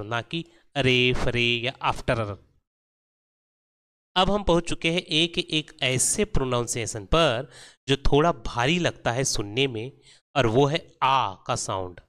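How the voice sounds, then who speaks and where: A man narrating a scripted pronunciation lesson, explaining rules slowly and drawing out each example word. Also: mid-range voice, a bit bright, clear, resonant tone. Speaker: English pronunciation teacher.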